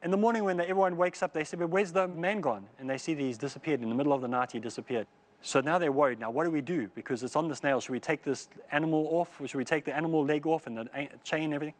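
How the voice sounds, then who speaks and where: A man's voice: on the high side, very fast. Man telling a parable in a sermon. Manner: animated storyteller acting out characters' lines. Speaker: preacher. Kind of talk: storytelling sermon.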